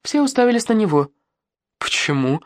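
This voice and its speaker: A woman reading a first-person youth novel aloud as an audiobook, in a lively, expressive way. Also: deep voice, quick pace, no echo. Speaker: audiobook narrator.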